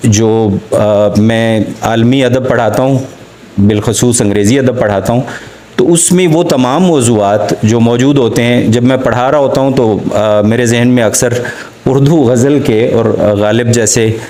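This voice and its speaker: Delivering a formal literature lecture laced with poetry quotations, a man speaks in a Pakistani accent at a medium pitch and a slow pace, with a dark tone. He is deliberate and halting, pausing often and breaking off mid-sentence before picking the thread back up.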